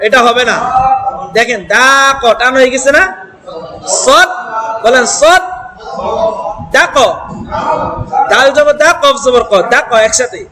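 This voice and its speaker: A man teaching Quran reading to a class, sounding out syllables slowly and having the students repeat after him. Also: very high voice, a crowd in the background. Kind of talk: classroom recitation lesson. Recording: echoey hall with class noise. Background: students repeating aloud.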